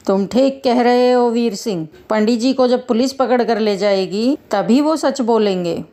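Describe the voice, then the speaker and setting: A proud village headman, put on by a woman narrator, giving orders briskly. Her voice stays mellow and a little high. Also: natural voice. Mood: brusque.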